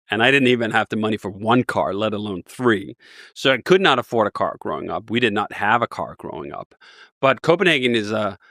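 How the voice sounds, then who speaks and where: A man's voice: on the low side, bright, forceful tone, no echo, clean studio sound. A man in his forties from Denmark, a guest telling stories with enthusiasm in a casual interview. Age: 40s. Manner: enthusiastic, rambling storyteller.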